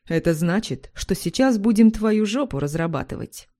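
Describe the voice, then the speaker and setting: A woman voicing a pushy, domineering young man in a read-aloud story, rough and bossy. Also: medium pitch, animated, moderate pace, mellow, natural voice.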